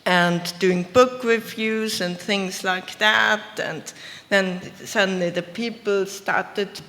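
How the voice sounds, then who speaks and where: Panelist: woman, bright voice, hesitant storytelling, reverberant hall. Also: medium pitch, steady tone, slow pace. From Austria. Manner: hesitant, self-correcting storytelling. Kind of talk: convention panel talk. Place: convention panel room. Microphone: shared handheld mic.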